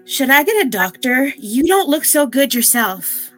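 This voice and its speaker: An actress playing a gentle, concerned hospital visitor in an audio drama, sympathetic and hesitant. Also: female voice, sits high, sing-song, measured pace, soft background music, full character voice, rough recording. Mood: puzzled concern.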